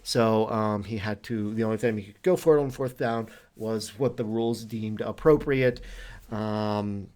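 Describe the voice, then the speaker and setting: A man hosting a weekly league show, explaining rule violations in a halting but firm way with many fillers. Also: lowish voice, a little mellow. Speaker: league commissioner host. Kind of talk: casual league update talk.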